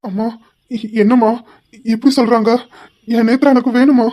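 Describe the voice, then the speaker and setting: A woman's voice: on the high side, steady tone, normal speed, dark tone, natural voice. A woman voicing a young husband who pleads through tears in an audio drama. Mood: tearful pleading. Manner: sobbing, pleading. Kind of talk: amateur audio drama acting.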